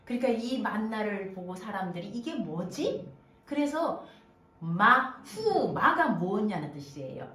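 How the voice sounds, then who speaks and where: Lively woman pastor preaching in an echoey church. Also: mid-range voice, unhurried. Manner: lively preaching with questions to the congregation. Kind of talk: sermon. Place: church sanctuary. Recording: echoey church room, voice from a distance.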